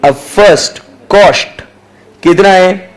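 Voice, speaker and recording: High-voiced Indian man teaching slowly. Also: low-quality recording. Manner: slow deliberate dictation mixing Hindi and English, prodding students for answers. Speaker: accounting teacher. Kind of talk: live online class lecture.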